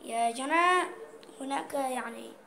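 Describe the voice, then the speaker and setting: A crowd can be heard behind this woman, whose high voice carries vocal fry and moves at a measured pace. She has an Egyptian accent and playfully reads dialect words and their meanings in a casual vlog.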